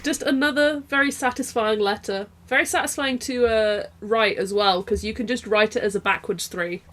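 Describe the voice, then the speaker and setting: A woman's voice: on the high side, normal speed, fairly bright tone, a little hiss or hum. A woman co-hosting a podcast in casual chat, bubbly and rambling, often backtracking mid-sentence. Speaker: podcast co-host.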